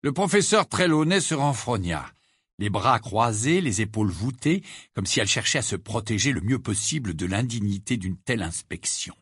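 A man's voice: lowish voice, very animated, normal speed, fairly bright tone, breathy edge, dry recording, clean studio sound. A man reading a novel aloud expressively, with an occasional filler. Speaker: reader.

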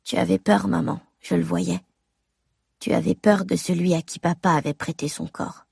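A woman reading a first-person audiobook in a measured, intimate tone, as if talking to her mother. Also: fairly low pitch, fairly even intonation, gravelly, a little mellow, breathy edge, dry recording, clean studio sound. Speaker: audiobook narrator.

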